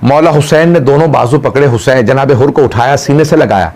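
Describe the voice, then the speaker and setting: A male cleric telling a martyrdom story in an emotional mourning sermon, his delivery climbing into drawn-out wailing cries and closing in chanted prayer. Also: medium pitch, darkish tone.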